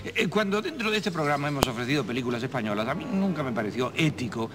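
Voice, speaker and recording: A man with an accent from Spain presents a film programme. His voice is mid-pitched and measured, formal with short hesitations, over clearly audible music. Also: sing-song. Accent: Spanish, from Spain. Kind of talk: presenter introduction.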